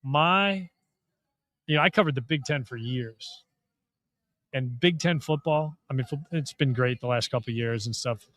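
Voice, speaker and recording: A man with a medium-pitched, slightly bright voice speaks at normal speed as a sports columnist co-hosting a live basketball draft reaction from an arena media room. He tells jokey stories, offers opinions, and trades banter.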